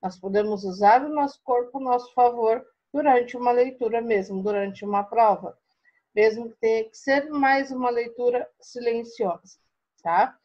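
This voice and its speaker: A Brazilian woman teaching a primary school class in a recorded online lesson, patient and expressive, often checking in with her students. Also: fairly high pitch, normal speed, dull audio. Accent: Brazilian Portuguese.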